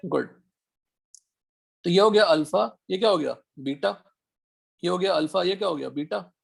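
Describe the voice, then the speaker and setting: Raspy high-voiced male teacher quizzing. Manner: quizzing students with rapid questions. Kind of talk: online chemistry class, Hindi mixed with English.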